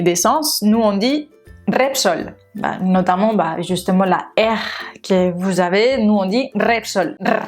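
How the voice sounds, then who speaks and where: A young Spanish woman speaking French with a Spanish accent, chatting casually to camera in her vlog with many fillers. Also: mid-range voice. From Spain. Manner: chatty, many fillers and restarts, laughs often. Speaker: makeup YouTuber.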